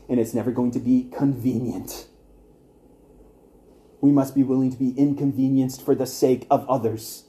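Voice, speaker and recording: A young man with a mellow, slightly high voice teaches an evangelism class at church. He's earnest and conversational, tossing wry asides to his listeners.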